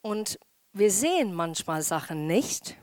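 A woman pastor preaches with a lively, swooping pitch and an unhurried, deliberate pace. She acts out the people she quotes, and the recording is close and dry. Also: no echo. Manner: animated, acts out quoted voices. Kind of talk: sermon.

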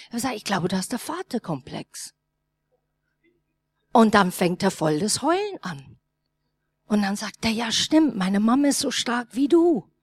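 A woman's voice: fairly high pitch, no room sound. A woman pastor preaching a sermon and telling a personal story, speaking as a with small grammar slips, acting out the dialogue in her story. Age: 30s or older. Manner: lively storytelling, acts out dialogue, non-native grammar slips.

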